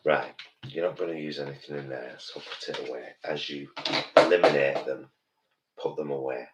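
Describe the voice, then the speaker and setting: A British man in his early fifties, a campy drag queen, chats casually and thinks aloud while doing his makeup live. His rumbling low voice keeps a normal pace and fairly even intonation. The recording is roomy and distant, with a noisy background.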